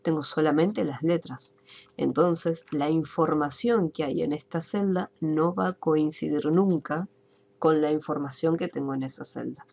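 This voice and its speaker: Online class teacher, woman, mellow husky voice, patient step-by-step explainer. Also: low voice, steady tone, unhurried. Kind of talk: online spreadsheet lesson. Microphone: computer mic on a video call.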